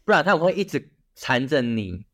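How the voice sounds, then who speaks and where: A man from Taiwan, co-hosting a casual podcast and reacting with quick exclamations. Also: a little high, very animated, a bit bright, dry recording, studio quality. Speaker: co-host.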